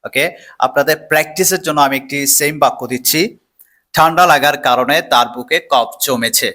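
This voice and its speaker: A man's voice: a little high, brisk, bright, forceful tone. A man giving a step-by-step English vocabulary lesson, repeating words and asking himself questions as he explains. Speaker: English teacher.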